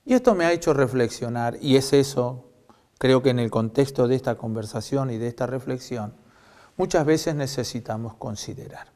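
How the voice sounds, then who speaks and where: A man with an Argentine accent preaching a sermon, telling a story reflectively with many pauses. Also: mid-range voice, a little mellow. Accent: Argentine Spanish. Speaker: pastor.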